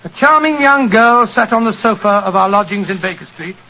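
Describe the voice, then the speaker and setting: An actor playing a genial, gentlemanly English doctor and storyteller with a British accent, in 1940s radio style. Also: male voice, high-pitched, lively intonation, brisk, vocal fry. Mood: genial, reminiscing. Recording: muffled 1940s radio recording.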